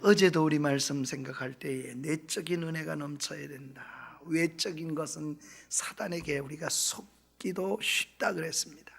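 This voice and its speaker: A male pastor preaching a revival sermon, dropping to hushed whispers and rising to loud emphatic peaks. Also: on the high side, moderate pace, creaky. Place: church sanctuary.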